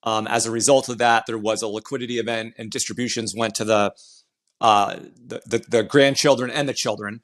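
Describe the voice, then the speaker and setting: A man hosting a podcast conversation in a thoughtful, measured way. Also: on the low side, steady tone, a bit bright, dry recording, studio quality.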